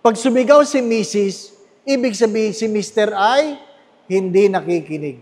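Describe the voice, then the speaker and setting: Filipino male priest, high voice, slow deliberate homily, long church echo. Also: lively intonation, darkish tone. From Philippines. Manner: conversational preaching with tag questions to the congregation; slow, emphatic, repeating key phrases. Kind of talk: sermon. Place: large church with long reverb. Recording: echoey church hall.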